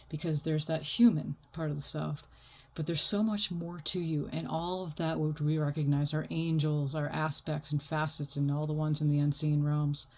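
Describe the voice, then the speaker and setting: A woman's voice: sits low, darkish tone. A woman giving an unscripted oracle card reading like a fortune teller, talking in a reassuring, spiritual way.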